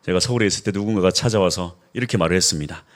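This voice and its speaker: A man's voice: deep voice, very fast. A male pastor with a Gyeongsang accent preaching a sermon, telling stories and building in intensity. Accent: Gyeongsang Korean.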